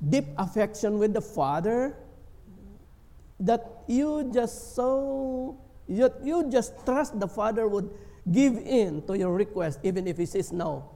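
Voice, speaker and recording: A man from the Philippines preaching a sermon as a pastor, earnest and slow, sometimes acting out pleading prayers. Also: high-pitched, gravelly, mellow. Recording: long hall reverb.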